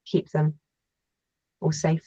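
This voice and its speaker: A woman's voice: slow pace, mellow, dry recording, lo-fi sound. A woman chatting casually on a video call, hesitant and full of fillers. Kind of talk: casual meeting chat.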